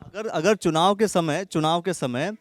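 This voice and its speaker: A high-pitched male reporter conducting a street interview, pressing people with repeated questions. His voice comes across close and dry, with almost no room sound. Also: a little slow, no echo.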